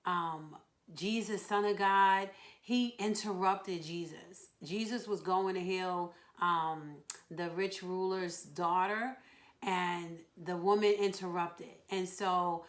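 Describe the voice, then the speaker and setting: A woman's voice: lowish voice, steady tone, slow. A woman sharing a personal story in a devotional with her husband, earnest and reflective, over a video call. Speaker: wife co-hosting a devotional. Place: home, joining an online meeting.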